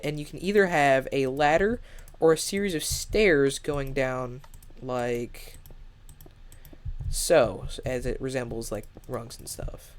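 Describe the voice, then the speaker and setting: This young man makes Minecraft build tutorials, and his casual voice-over rambles along with lots of fillers and restarts. He sounds stuffy and nasal, clearly congested, at a medium pitch.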